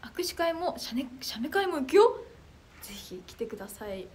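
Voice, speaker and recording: A young woman hosting a casual livestream and answering her viewers' comments. Her voice is high and anime-like, loud and clear enough to carry easily. She reacts to each comment in a bubbly, excitable way. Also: normal speed, a little hiss or hum.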